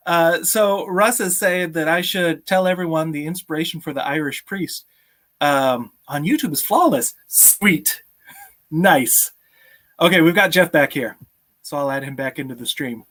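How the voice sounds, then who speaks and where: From a small home room with a sloped ceiling, a man in his thirties hosts a casual live stream over video call, talking with viewers and chuckling often. His voice is fairly high and fairly bright, and he takes his time.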